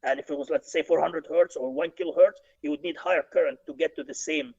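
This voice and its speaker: A man's voice: fairly high pitch, fast talker, creaky, darkish tone. A man, explaining technical points on a video call from a home office, with frequent restarts. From Egypt. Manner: explanatory, many restarts and fillers. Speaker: guest engineer. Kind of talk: webinar discussion. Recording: dull lo-fi video call audio.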